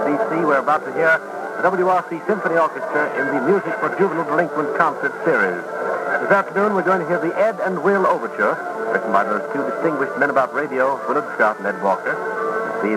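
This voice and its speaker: A man's voice: medium pitch, rough recording. Man announcing in old-time radio style. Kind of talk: 1950s radio concert announcing.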